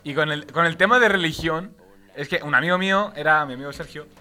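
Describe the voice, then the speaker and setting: A young man from jumps into a casual podcast chat with quick, eager remarks. His voice is bright and a bit high, and he talks very fast. Faint music runs underneath.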